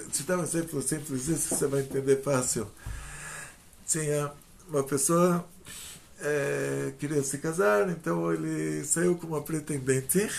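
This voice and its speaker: A man preaching as a rabbi, telling teaching stories and growing loud and animated at the punchlines. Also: fairly high pitch, gravelly. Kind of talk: sermon. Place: outdoor gathering.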